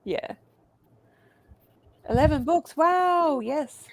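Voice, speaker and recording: A woman's voice: sits high, expressive, very slow. A woman hosting a casual livestream over a video call, chatty and reading viewer comments aloud with small laughs. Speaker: livestream host.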